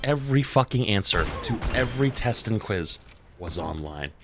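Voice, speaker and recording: A young man streaming a game, telling a story in casual chat with lots of swearing, fillers and animated bursts. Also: lowish voice, normal speed, over music. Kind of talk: casual chat while gaming.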